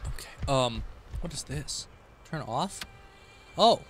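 A male streamer giving casual gameplay commentary, playful and excitable, often breaking into laughter and sudden outbursts. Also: mid-range voice, slow pace, a little hiss or hum.

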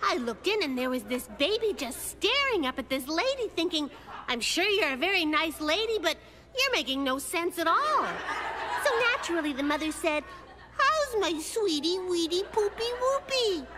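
A woman's voice: very high-pitched, very animated, moderate pace. A woman voicing a clever, spunky little cartoon girl who chats wryly to the viewer. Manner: chatty, wry storyteller to camera. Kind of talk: cartoon voice acting.

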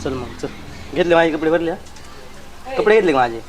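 A man playing a weary husband torn between his wife and his mother, pleading and trying to calm things down. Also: on the high side, brisk, lightly acted, low-quality recording. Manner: pleading, tries to calm and placate.

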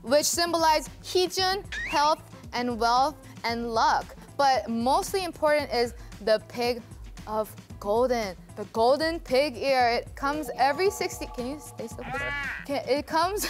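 A woman's voice: high-pitched, expressive, a little slow. A woman hosting a studio show in a playful, teasing, sing-song way. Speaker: host. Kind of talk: playful casual variety chat. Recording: music playing behind.

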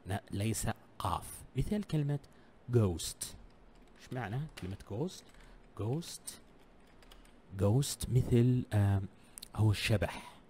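A male English teacher, speaking in a fairly low voice. His pitch rises and falls a lot as he drills sounds over and over. He keeps asking his learners whether they follow, and a faint ambient hum sits under his voice. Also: animated, moderate pace, darkish tone. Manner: drills sounds by repeating them, checks in often with the learners. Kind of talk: online pronunciation lesson.

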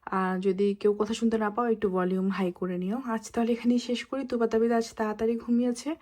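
Soft-spoken young woman vlogging at home. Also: fairly high pitch, flat delivery, brisk. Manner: chatty, mixes English words into speech; speaks softly while children sleep. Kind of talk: casual home vlog narration. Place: home kitchen.

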